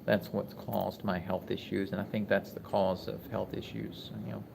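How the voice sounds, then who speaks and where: A man in his forties talking casually on a live stream from a hospital room, reflective and halting with many restarts. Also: lowish voice, flat delivery, gravelly, noisy background. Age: 40s. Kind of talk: casual live-stream talk reading chat.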